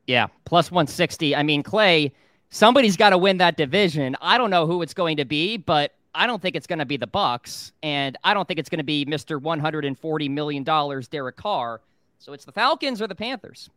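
A man hosting a sports betting talk show, with a crisp, resonant voice that sits a little high. He reads the odds and keeps things moving briskly. The studio mic sounds dry and close. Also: lively intonation, a bit bright, dry recording. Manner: brisk, moves the segments along.

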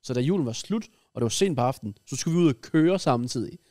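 Young Danish man, casual podcast co-host, animated storyteller; dry, close sound. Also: mid-range voice, no room sound. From Denmark. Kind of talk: casual chat.

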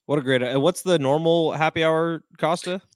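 A man's voice: fairly high pitch, moderate pace, no room sound, studio quality. A man co-hosting a sports podcast from a remote video call, blunt, candid and laid-back. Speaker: podcast co-host, sports commentator. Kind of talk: casual sports talk.

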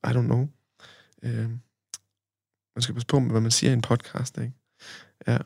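A man's voice: medium pitch, completely flat delivery, gravelly, darkish tone, slightly rough, no room sound, clean studio sound. A man from Denmark, a podcast guest, telling a long story in casual chat, rambling with many fillers and tag questions.

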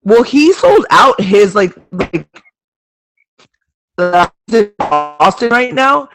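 A man's voice: sits high, very animated, slow, over music, rough recording. A man chatting casually over a video call, his voice breaking up into half-robotic glitches as he trails off mid-sentence. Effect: glitchy half-robotic audio over a video call. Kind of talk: casual chat.

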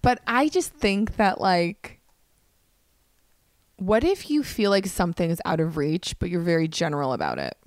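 Animated woman comic telling stories. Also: lowish voice, normal speed, no room sound, clean studio sound. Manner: animated storyteller who acts out quoted voices. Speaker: comedian and podcast co-host. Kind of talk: casual chat. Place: Los Angeles.

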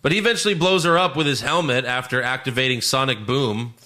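A man's voice: medium pitch, bright, forceful tone. A man co-hosting a podcast, casually recapping TV episodes and laughing often. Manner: recaps scenes with quick acted quotes, laughing often. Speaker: podcast co-host. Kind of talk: casual chat reviewing TV episodes.

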